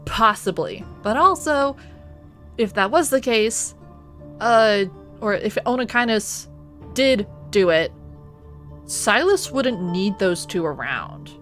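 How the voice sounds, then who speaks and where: A woman with a mid-range voice narrates and comments on a live game stream. Her delivery is expressive and theatrical, and music plays faintly behind her. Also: mid-range voice, slow.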